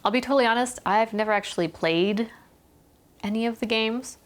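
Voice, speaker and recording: An actress playing a candid game-studio worker in a mockumentary interview, rambling offhandedly. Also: female voice, fairly high pitch, a little fast, lightly acted.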